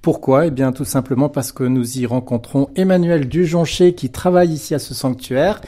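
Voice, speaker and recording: Radio host guy asking rambling questions, mellow voice. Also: mid-range voice, normal speed. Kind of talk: radio interview.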